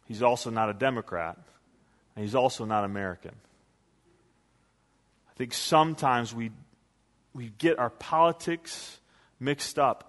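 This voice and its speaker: A man's voice: on the high side, a bit bright. A man preaching a sermon as a pastor, talking conversationally and telling stories with quoted asides. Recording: long hall reverb.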